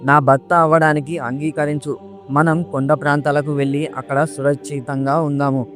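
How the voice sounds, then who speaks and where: A man's voice: on the high side, flat delivery, moderate pace, fairly bright tone, faint music behind, lightly acted. A man voicing a young female demon who pleads earnestly to be taken as a wife, in a storybook reading. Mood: pleading.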